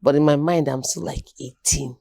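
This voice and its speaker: A woman's voice: low voice, steady tone, moderate pace, gravelly, warm tone, dry recording. A Nigerian woman in her early forties, a podcast guest chatting casually and animatedly, joking and slipping into Pidgin. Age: early 40s. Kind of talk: casual interview chat.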